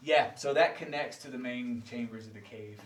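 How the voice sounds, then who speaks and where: A man's voice: medium pitch, moderate pace. Echoing cave guide, folksy man heard from afar. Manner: folksy, addresses listeners directly. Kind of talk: informal guided tour talk, explaining. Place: inside a large cave. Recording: echoey cave, distant mic, faint noise.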